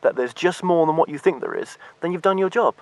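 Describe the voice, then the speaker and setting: A man hosts an interview, pausing and restarting as he looks for his words. His voice sits a little high, and the sound is dry and close. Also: animated, gravelly, dry recording. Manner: hesitant, searching for words. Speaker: interviewer host. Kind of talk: interview conversation.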